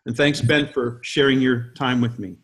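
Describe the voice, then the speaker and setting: Over slight background noise, a man in his fifties talks at a moderate pace in a mid-range voice whose tone is steady and fairly bright. As guest host of a leadership call, he gives a motivational talk brimming with emphatic rhetorical questions.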